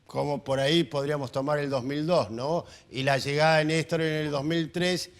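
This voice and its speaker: A man's voice: fairly high pitch, steady tone, normal speed. A man, hosting a panel and hesitantly framing a question while thinking aloud. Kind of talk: broadcast panel discussion.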